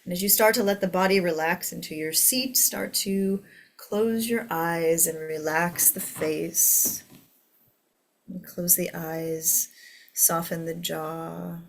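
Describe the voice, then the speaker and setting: A woman teaching a guided meditation to a seated group in a soothing, gentle way. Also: on the low side, fairly even intonation, takes it slowly, creaky.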